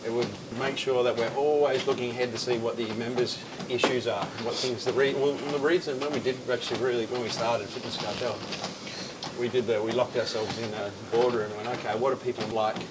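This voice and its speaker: A man talks quickly and casually in an interview while moving on a treadmill. His pitch is mid-range, and loud ambient noise runs behind his voice. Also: steady tone. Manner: talking while exercising on a treadmill. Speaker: gym company founder and CEO.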